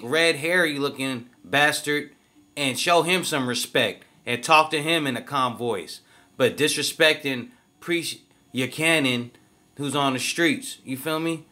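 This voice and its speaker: A man's voice: a little high, sharp tone. Emphatic man giving slangy commentary. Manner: emphatic, slangy, repeats "you feel me". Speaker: video commentator. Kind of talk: casual commentary.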